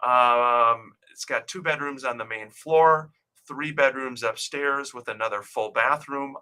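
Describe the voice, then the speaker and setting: A man's voice: medium pitch, bright, forceful tone. A man hosting a real estate radio show, chatting casually and reading out home listings with plenty of ums and uhs. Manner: chatty, reads out listings with many fillers. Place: radio studio.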